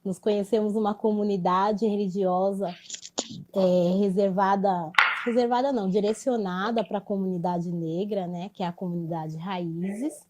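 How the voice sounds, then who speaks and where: A woman hosts a casual interview in a mellow, dark-toned voice at an ordinary pitch. She talks reflectively and keeps checking in with her guest through little tag questions. Her pace stays easy and conversational. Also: a little hiss or hum, rough recording. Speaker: host.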